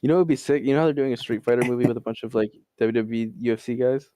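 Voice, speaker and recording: A man's voice: mid-range voice, racing, mellow, a little hiss or hum. A man from Canada co-hosting a podcast in casual chat, laid-back and easygoing. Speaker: podcast co-host.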